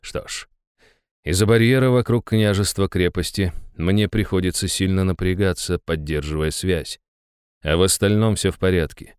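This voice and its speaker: Deep-voiced male audiobook narrator. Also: normal speed, darkish tone, clean tone, no room sound, studio quality. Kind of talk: first-person fantasy audiobook narration.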